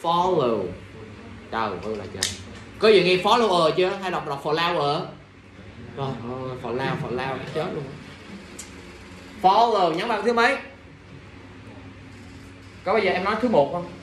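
Young male English teacher, high voice, quizzing the class, echoey room, mic well across it. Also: very animated, moderate pace, long pauses, distant mic, noisy background. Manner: drills pronunciation, quizzes students, exasperated asides. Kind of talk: classroom English vocabulary lesson.

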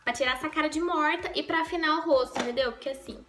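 A woman's voice: sits high, fast, noisy background. A young woman from Brazil chatting casually as she does her makeup at home, joking and rambling with self-corrections. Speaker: makeup vlogger. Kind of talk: casual get-ready-with-me vlog. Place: at home in a bedroom.

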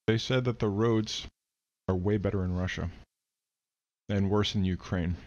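Lowish groggy-morning man, dull dry sound. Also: unhurried, dry recording. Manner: relaxed, musing, a bit groggy in the morning. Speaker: co-host of a gaming channel. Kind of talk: casual chat while playing a game.

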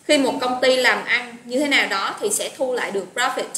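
A woman's voice: on the high side, brisk, bright, forceful tone. A woman with a Southern Vietnamese accent teaching a live online English vocabulary class, chatty and encouraging as she calls out students' names. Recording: roomy echo with faint noise.

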